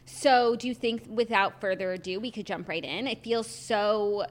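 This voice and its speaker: Here a female podcast co-host talks in an easygoing, conversational manner, her voice medium in pitch and her pace moderate.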